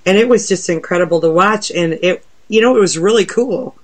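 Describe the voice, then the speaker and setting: A woman interviewing a guest in casual, enthusiastic chat, relaxed and using fillers. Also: fairly low pitch, a little fast.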